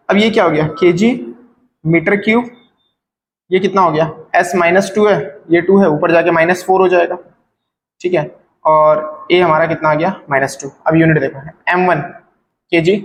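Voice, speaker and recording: A man with a high voice teaches a physics class and works through each step aloud, often asking his students whether it is clear. The room has a noticeable echo and a faint background hiss. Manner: explains step by step, checks in with students. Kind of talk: classroom lecture.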